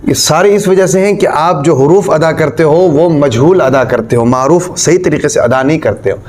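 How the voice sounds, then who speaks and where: A man's voice: a little high, moderate pace, darkish tone. A man teaching Quran recitation, firmly correcting mistakes and demonstrating each sound himself. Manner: counts out mistakes, scolds about practice.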